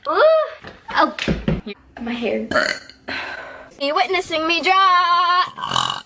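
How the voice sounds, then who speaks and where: Animated chatty woman vlogger, burping. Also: a little high, measured pace. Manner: chatty, burping between sentences. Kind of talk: casual vlog chat.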